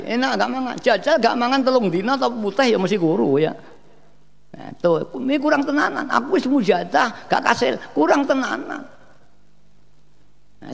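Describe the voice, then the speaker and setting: A man's voice: sits high, creaky. A man preaching a sermon at a large outdoor gathering, with a rising and falling cadence and mixed in.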